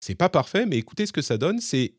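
A man's voice: a little high, very animated, fast, husky, no echo, clean studio sound. A man hosting a casual tech podcast, chatting as he explains and demonstrates tools live. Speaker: podcast host.

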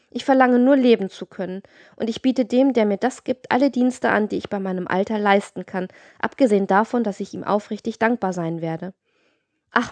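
A woman's voice: mid-range voice, a little mellow, no room sound, close to an everyday voice. A woman voicing a poor, virtuous young woman who pleads for help in an audiobook reading.

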